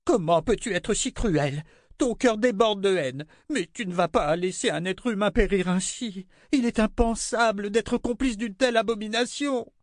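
A man reading an audiobook, voicing a vain, cruel queen with a shrill, imperious manner. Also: normal speed, dry recording, clean studio sound, close to an everyday voice. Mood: pleading, furious. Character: vain cruel middle-aged queen, hysterical and haughty.

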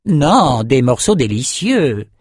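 A man voicing a naive, childlike albino shaman slaver in an audiobook, in a high, slow, puzzled voice. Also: very animated, breathy edge, dry recording, studio quality, exaggerated voice. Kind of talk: audiobook character voice.

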